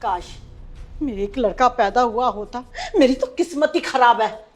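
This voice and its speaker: A woman playing a bitter, contemptuous grandmother and mother-in-law who scolds her family with sharp commands, in a family short film. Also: on the high side, a little slow. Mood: scornful. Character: harsh, bitter grandmother who scorns girls.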